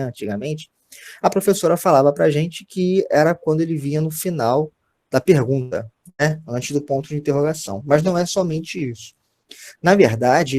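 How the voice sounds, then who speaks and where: Brazilian male teacher, patient and talking straight to his class, voice a touch high. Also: darkish tone. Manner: explains patiently, often checks in with "tá certo?" and "gente". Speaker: Portuguese teacher. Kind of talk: recorded grammar lesson.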